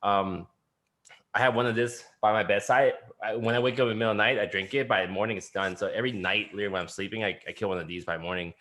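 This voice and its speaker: Low, bright-toned man on a team call. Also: fairly even intonation, quick pace. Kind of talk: casual group meeting chat.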